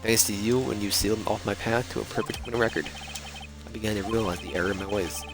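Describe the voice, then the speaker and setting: A man voicing a proud, stern male prosecutor in a game, lecturing in a low voice over game music. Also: fairly even intonation, fast, close to an everyday voice. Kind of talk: reading game dialogue aloud.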